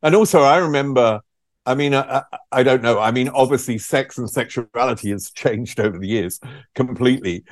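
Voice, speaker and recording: A middle-aged English man with an English accent, a podcast guest who tells stories in a lively way, laughing often and acting out quotes. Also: mid-range voice, a little fast, dry recording, clean studio sound. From England. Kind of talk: casual conversation.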